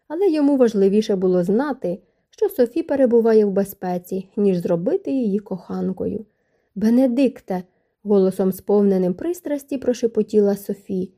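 Brief: woman narrator, calm measured audiobook reading, deep mellow timbre. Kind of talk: scripted narration of a romance novel.

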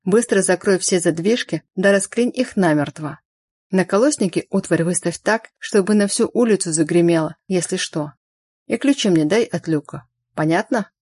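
Woman reading stern male hunter, clipped, low, dry and close. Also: moderate pace, darkish tone, breathy edge, no room sound. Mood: commanding. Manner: clipped, commanding questions. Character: grim wary male hunter, low and curt.

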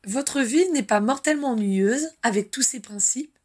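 A woman reading the lines of a sharp, skeptical woman journalist, cutting in tone. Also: on the high side, normal speed, natural voice.

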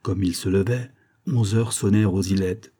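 A man reading a novel aloud in a measured storytelling manner. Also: low-pitched, fairly even intonation, warm tone, slightly rough. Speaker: audiobook reader. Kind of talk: literary narration.

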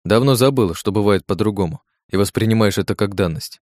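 A man with a fairly low voice reads a first-person action story in a tense, gritty style. The studio sound is dry and close, with no room at all. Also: brisk, a little mellow, dry recording. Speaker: audiobook narrator. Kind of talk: first-person scripted narration.

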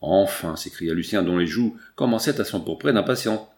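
A man narrating a nineteenth-century novel as an audiobook, in a measured, expressive reading. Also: lowish voice.

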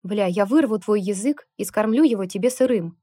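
A woman voicing a gruff, stubborn man who talks tersely and rudely, in an audiobook. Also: medium pitch, moderate pace, dark tone, no room sound, studio quality, natural voice. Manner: terse and rude.

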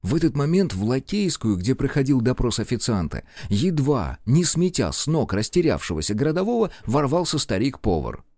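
A man narrating an audiobook in an expressive storytelling manner, voicing all the characters. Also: medium pitch, normal speed, hardly any pauses, no echo, clean studio sound. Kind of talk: scripted narration.

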